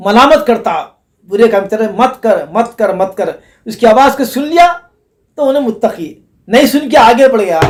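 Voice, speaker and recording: This is a man giving a religious lesson on a hadith, with a fairly high voice. He speaks slowly and deliberately. He recites Arabic lines, then explains them, and repeats his points again and again. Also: darkish tone. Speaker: Islamic scholar teaching hadith.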